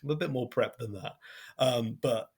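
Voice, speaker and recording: Casting: young Devon man, broad accent, mid pitch, rambling podcast host. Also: moderate pace, vocal fry, a little mellow, slightly rough. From Devon, England. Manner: rambling, self-deprecating, full of fillers and restarts. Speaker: podcast host and game master. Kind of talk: casual podcast chat.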